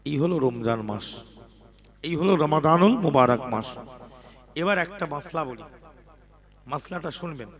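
A man from preaching a sermon, often asking the crowd to answer loudly and swinging from quiet talk to chanted preaching. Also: fairly high pitch, expressive, unhurried, long pauses.

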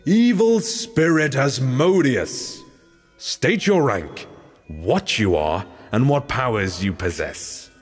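A man's voice: mid-range voice, big pitch swings, breathy edge, faint music behind, full character voice. A man playing an imperious, pompous king and sorcerer in an audio drama. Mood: commanding. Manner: pompous, deliberate ritual declamation. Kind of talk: audio fiction podcast acting.

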